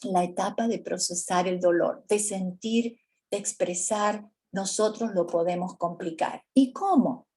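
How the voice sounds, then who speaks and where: Slow, mellow-voiced woman leading a workshop. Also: medium pitch. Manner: calm, measured, asks the audience questions. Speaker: grief workshop speaker. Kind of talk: faith-based women's workshop talk.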